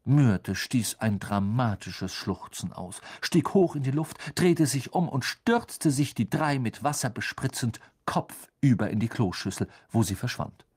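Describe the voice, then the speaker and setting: A storybook narrator whose voice rises and falls with lively, animated pitch. The reading is expressive and scripted, and the voice sits in a middle register. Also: a little slow, few pauses, slightly rough. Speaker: audiobook narrator.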